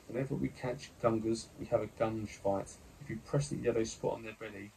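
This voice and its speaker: A man's voice: lowish voice, fairly even intonation, brisk, vocal fry, a little mellow, slight background noise, poor audio. A man voicing a friendly young male sailor crewmate, easygoing and confiding. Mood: explaining.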